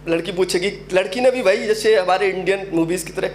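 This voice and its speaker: A young man from Uttar Pradesh, India, does a stand-up set at an open mic venue, telling a story and acting out the characters he quotes. His voice sits high and runs a little fast. There's slight hiss or hum on the recording.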